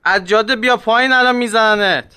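A man voicing an anxious fellow fighter who calls out warnings loudly. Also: sits high, clean tone, dry recording, pitched above the performer's own voice. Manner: calling out loudly.

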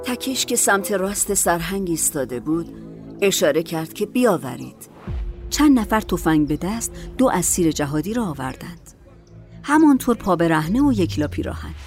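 Woman narrator, lower voice, measured, faint music behind. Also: very animated, a little mellow. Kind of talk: scripted story narration.

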